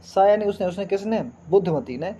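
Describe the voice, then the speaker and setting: A man's voice: sits high, expressive, warm tone, a little hiss or hum. A man teaching a Sanskrit lesson, reading verses and explaining them word by word, asking questions as he goes. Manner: reads verses slowly then explains word by word, asks rhetorical questions. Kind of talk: line-by-line text explanation lesson.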